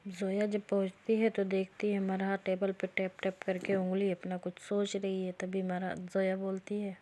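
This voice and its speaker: A woman's voice: mid-range voice, monotone, moderate pace, warm tone. A woman hosting a storytelling channel, chatting casually as she retells a romance story and speaks the characters' lines in her own voice. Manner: chatty, retells dialogue plainly without doing voices.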